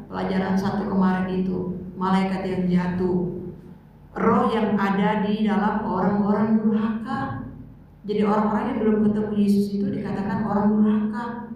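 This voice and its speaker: A woman's voice: mid-range voice, dark tone. A woman teaching a youth bible lesson in church, chatting with the class and calling on students to read. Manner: conversational, calls on students to read. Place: church room. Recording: echoey room, mic far off, faint noise.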